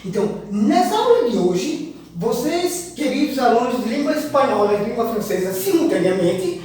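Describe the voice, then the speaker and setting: A woman teaching a language lesson, explaining and slowly repeating verb conjugations with frequent chuckles. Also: fairly high pitch, sing-song, mellow. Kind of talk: recorded online language lesson. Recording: echoey room, mic far off, faint noise.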